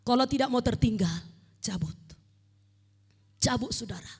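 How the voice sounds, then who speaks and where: A woman preaching a fervent sermon with a North Sumatran Indonesian accent, swinging between shouting and quiet urging. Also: a little high, animated, normal speed, breathy edge. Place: church hall. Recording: long church hall reverb.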